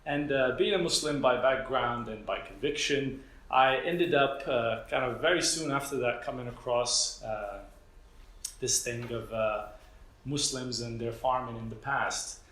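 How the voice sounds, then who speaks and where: A young Moroccan PhD student gives an informal lecture to an audience in a lecture room, hesitant, full of fillers and self-deprecating. His mid-range voice is a bit bright and measured. The room is echoey with faint ambient noise.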